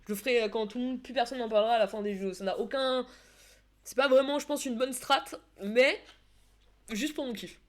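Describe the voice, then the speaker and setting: A woman's voice: on the high side, brisk. A woman streamer, chatting casually with her viewers and casting a football video game match, with many fillers and restarts. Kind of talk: casual live-stream esports commentary.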